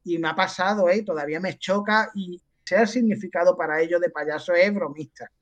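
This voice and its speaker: Andalusian man telling lively anecdotes. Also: high-pitched, a little fast, highs cut off. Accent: Andalusian Spanish. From Andalusia, Spain. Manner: animated, acts out the voices of people he quotes. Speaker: podcast guest. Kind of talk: casual chat, anecdote storytelling.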